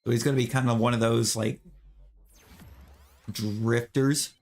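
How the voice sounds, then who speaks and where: Faint music plays behind an opinionated man who casually chats with viewers as he streams a game, talking in a loose, rambling way and restarting sentences. His ordinary-pitched male voice is steady, a little mellow, and measured in pace.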